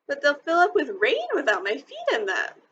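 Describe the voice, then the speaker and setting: A woman voicing an upset, stubborn kindergarten girl in a storybook reading, high and insistent. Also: huge pitch swings, moderate pace, fairly bright tone, dull audio, a little hiss or hum, exaggerated voice.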